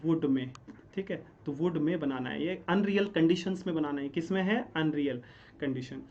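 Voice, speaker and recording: Male teacher explaining grammar at a board, drilling with quick self-answered questions; slightly muffled recording. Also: on the high side, warm tone. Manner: explains step by step, asks and answers his own questions; keeps checking in with "ठीक है?". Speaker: English teacher. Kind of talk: classroom-style grammar lesson.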